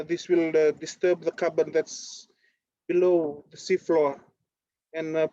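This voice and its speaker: Halting man on a lo-fi call. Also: a little high, mellow, no echo. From Fiji. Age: 30s. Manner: halting, many fillers and restarts. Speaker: activist presenter. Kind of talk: presentation over video call. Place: on board a ship at sea.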